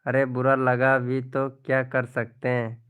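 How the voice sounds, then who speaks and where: A man's voice: mid-range voice, monotone, slow pace, fairly bright tone, smooth. A man hosting a live stream, chatting casually as he reads out viewers' comments, calling people by name and often laughing. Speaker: live stream host promoting channels.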